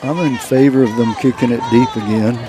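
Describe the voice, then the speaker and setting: A man giving relaxed, hesitant color commentary on a local high school football game. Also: brisk. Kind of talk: casual radio color commentary. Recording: outdoor stadium with band music and crowd.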